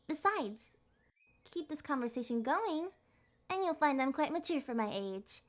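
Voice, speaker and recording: In an acted ASMR date where only she speaks, a woman plays an adorkable young adult fox spirit who is flustered and stiffly formal. She talks in a high voice, using prim, elaborate wording and hesitant pauses as she tries to seem grown-up, and her mood is polite and hopeful.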